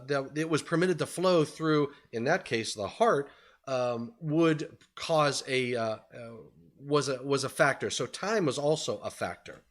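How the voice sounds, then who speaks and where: A man in his fifties giving a conversational webinar presentation over a video call from a home study, with many fillers. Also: a little high.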